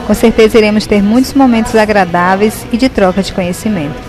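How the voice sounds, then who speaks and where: Cheerful woman teacher saying hi, music clearly behind. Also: medium pitch, quick pace. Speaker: sociology teacher. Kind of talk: recorded self-introduction.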